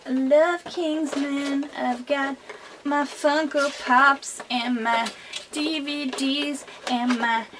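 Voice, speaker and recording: A woman's voice: high voice, fairly even intonation, extremely slow, noisy background. A young woman vlogging about her favorite things in a bubbly, enthusiastic, chatty way. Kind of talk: casual favorites vlog.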